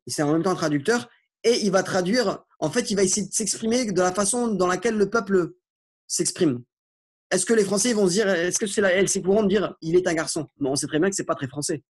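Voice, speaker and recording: A man's voice: high-pitched, a little fast, breathy edge. A man teaching an Arabic lesson, repeating and rephrasing key points and often checking in with "ok?". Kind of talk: explaining a language lesson.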